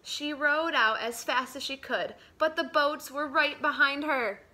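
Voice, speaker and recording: Reading a picture book aloud to a group of children, a teacher uses a high, bright voice and a slow, dramatic pace. She takes her time with the story. Some phrases come out hushed, others strong and emphatic.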